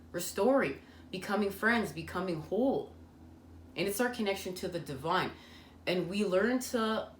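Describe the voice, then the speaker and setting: A woman giving a spiritual tarot reading, talking earnestly and meandering with many fillers. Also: fairly low pitch. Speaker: tarot reader. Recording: echoey room with faint ambient noise.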